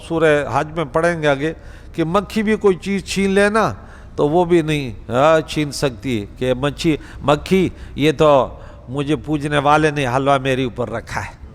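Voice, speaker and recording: A man's voice: fairly high pitch, a bit bright. A male preacher giving a conversational Quran lesson in a mosque, speaking directly to the congregation. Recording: reverberant prayer hall.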